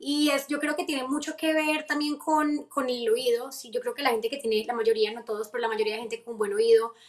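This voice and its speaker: A young singer talks through an interview in a lively, chatty way. Her voice sits a little high for a woman, and she slips English phrases into her Spanish with quick restarts. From Colombia. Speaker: singer-songwriter guest. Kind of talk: casual interview.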